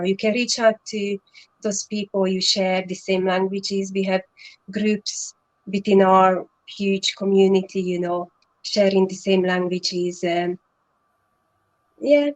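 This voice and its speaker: Poor audio carries the medium-pitched, darkish voice of a Hungarian woman who speaks Hungarian natively. Appearing as a guest and online business partner in a casual live-stream chat, she is earnest and halting, often using fillers and starting over.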